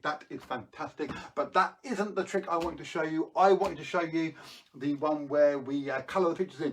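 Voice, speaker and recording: A man's voice: on the high side, a little hiss or hum. A man presenting tricks as a kids party magician on a live show, chatty and playful, coaxing viewers to join in.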